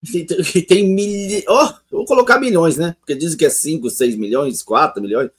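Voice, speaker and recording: A male channel host breaks in with commentary, conversational and emphatic in his asides. His voice runs high for a man. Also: expressive, normal speed, husky. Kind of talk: video commentary.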